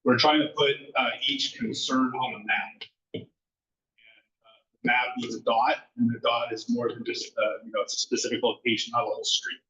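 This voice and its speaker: Speaking off the cuff at a neighborhood meeting, this association officer's announcements are full of fillers and restarts. His mid-range voice, pushed and bright, has little pitch movement and a moderate pace. Room audio from the big school meeting room is echoey, distant, and muffled.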